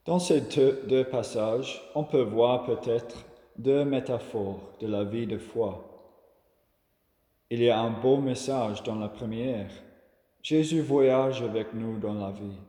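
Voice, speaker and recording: A man from Australia delivers a reflective homily at an unhurried, deliberate pace. His voice is mellow and dark, and it rings out with a long reverb, as if spoken in a large echoing space. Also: mid-range voice. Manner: slow, measured and calm. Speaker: preacher. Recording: echoey room with long reverb.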